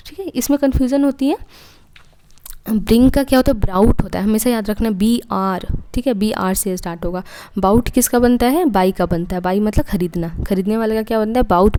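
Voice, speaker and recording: A woman's voice: mid-range voice, warm tone. A young woman teaching an English grammar lesson for exam prep, explaining step by step and asking and then answering her own questions. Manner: often says "ठीक है" between points.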